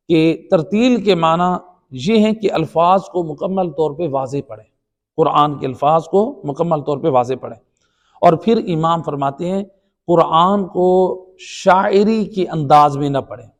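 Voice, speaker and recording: A man with a Pakistani Urdu accent teaching the Quran in a religious lecture, explaining by repeating points and asking rhetorical questions. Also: fairly high pitch. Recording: long hall reverb.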